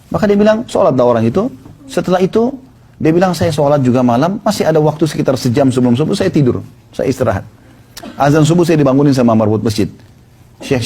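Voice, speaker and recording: A man's voice: mid-range voice, husky. A male preacher, telling stories in a sermon and acting out the dialogue of the people in them. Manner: retells stories with quoted dialogue, fast and animated. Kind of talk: storytelling sermon.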